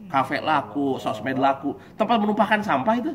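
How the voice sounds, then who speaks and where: A man giving a lively, joking religious study talk, acting out husband and wife voices. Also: a little high, moderate pace, a little hiss or hum. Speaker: preacher.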